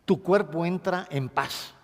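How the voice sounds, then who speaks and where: A man lectures in a voice pitched higher than most men's. He teaches expressively and pauses to dictate key points. His voice carries the long reverb of a hall. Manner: expressive, acts out sobs and dictates points to note. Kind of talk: classroom lecture on grief.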